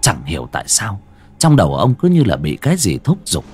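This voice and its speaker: A man narrating a horror story with dramatic, suspenseful pacing and sharp rises and drops. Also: deep voice, huge pitch swings, a little fast, faint music behind.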